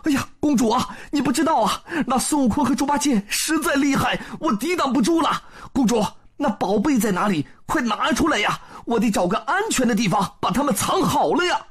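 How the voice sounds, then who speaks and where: A man voicing a boastful, clever male monkey king in a lively, high-pitched way. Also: brisk, hardly any pauses, slightly rough, full character voice. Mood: fake panic.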